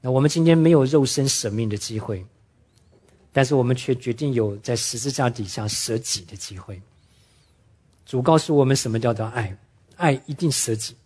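A man preaching a sermon, telling stories earnestly and slowing down to stress his main points. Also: mid-range voice, a little mellow, breathy edge. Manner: earnest storytelling preacher, drops English words into speech; slows down and drops his voice to stress key points. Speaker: pastor.

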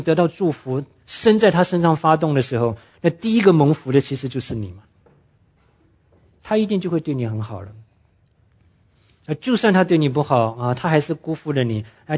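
A pastor with a slightly high, somewhat mellow voice delivers a sermon as an earnest storytelling preacher. He drops English words into his speech, and he slows down and lowers his voice to stress key points.

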